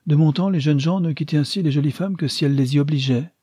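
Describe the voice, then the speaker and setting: A man voicing a shrewd, commanding old grandmother in a storybook reading, teasing and sly, with a husky voice. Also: fairly high pitch, fast talker, warm tone, dry recording, studio quality, voice pushed up. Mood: scheming, teasing.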